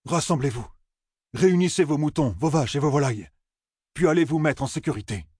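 A man reading an audiobook, voicing an earnest, forceful young village man who urges others with pleading, husky speech. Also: fairly high pitch, expressive, a little fast, dry recording, clean studio sound, pitched above the performer's own voice. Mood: urging. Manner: pleading, urgent persuasion.

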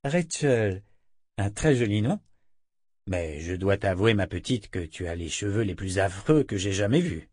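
A man's voice: on the low side, expressive, unhurried, a little mellow, no room sound, clean studio sound, pitched below the performer's own voice. A man voicing a good-humored adult man who jokes playfully, in an audiobook. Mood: teasing. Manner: joking, playful.

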